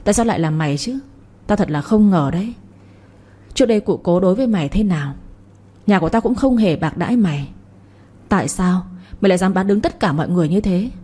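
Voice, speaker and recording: A furious young master from a storybook, scolding and commanding, read by a woman. The voice is mellow and a touch breathy. He bellows his orders in short bursts. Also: fairly low pitch, expressive, quick pace, long pauses. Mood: angry. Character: angry young master, stern husband.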